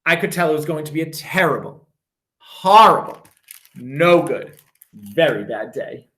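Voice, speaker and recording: A male teacher with a voice on the high side reads a children's picture book aloud. He stretches out repeated phrases with expressive emphasis.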